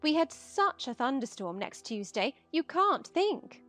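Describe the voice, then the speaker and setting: The dotty, high-voiced, earnest queen in a children's audio play, music playing behind her. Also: very animated, a little slow, a bit bright, exaggerated voice. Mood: flustered wonder. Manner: fluttery, foolish, earnest. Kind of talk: dramatized audiobook acting.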